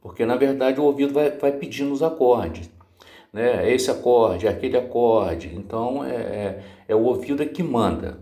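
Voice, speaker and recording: Male guitar teacher, patient and casual, dark mellow tone, roomy sound with guitar under him. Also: mid-range voice, moderate pace. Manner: patient, repeats filler words, sings chord names off-key. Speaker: music teacher. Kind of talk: casual guitar lesson podcast.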